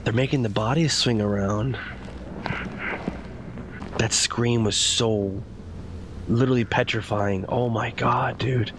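A man's voice: mid-range voice, steady tone, slow, pauses often. A man in his thirties giving casual, nervous live commentary as a horror game streamer, swearing freely. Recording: clear game ambience noise behind voice.

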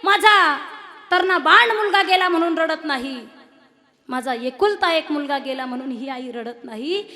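A woman's voice: sits high, animated, unhurried, pitched above the performer's own voice, full character voice. A woman playing a wailing, defiant soldier's mother. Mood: grief-stricken defiant. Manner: loud, wailing, proud. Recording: long hall reverb.

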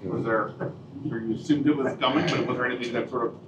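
A man's voice: medium pitch, fast talker, lo-fi sound. A man reporter asking a long, rambling question at a press conference. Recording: distant, echoey room audio with loud background noise.

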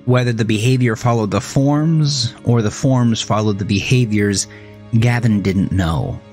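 A man narrating a horror audio drama in a measured, deliberate way. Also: lowish voice, darkish tone, soft background music.

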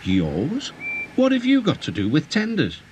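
A man's voice: fairly high pitch, huge pitch swings, a little slow, a little mellow, slight background noise, pitched above the performer's own voice. A man voicing a vain, eager, grumbling steam engine in a children's storybook.

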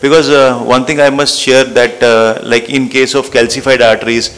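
A man's voice: medium pitch, little pitch movement, normal speed, fairly bright tone. A man, speaking as a medical panelist in a technical discussion. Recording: faint background noise.

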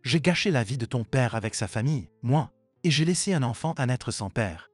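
A bitter, guilt-tripping mother in a spoken story, voiced by a man in his everyday reading voice. The delivery is reproachful and pointed, at a middle pitch. The sound is dry and close, with faint music underneath. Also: expressive, brisk, no room sound, lightly acted. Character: bitter manipulative mother, middle-aged woman.

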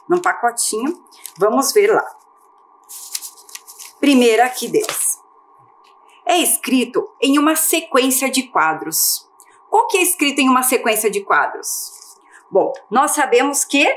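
Brazilian lady teacher on tv, kinda high voice, very up and down, patient, asks and answers her own questions. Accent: Brazilian Portuguese. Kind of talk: televised primary-school lesson.

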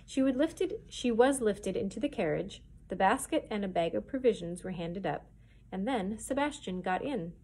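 A children's librarian reading a chapter book aloud in a clear, expressive storytelling manner. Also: female voice, mid-range voice, moderate pace.

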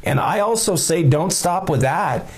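A middle-aged man giving church security advice straight to camera in a small lamp-lit room, relaxed and plain-spoken, with frequent "you know" fillers. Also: fairly high pitch, a little slow.

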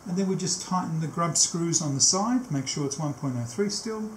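Here a sixty-something technician gives an unscripted tape machine setup demonstration, his expressive voice sitting on the high side. He talks through each step, frequently pausing as he works. The camera mic records him in a small, cluttered, echoey workshop with faint background noise.

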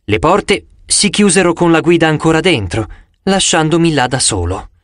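A man narrating a first-person audiobook in an expressive storytelling manner, recorded close in a studio. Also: a little high, moderate pace, no room sound.

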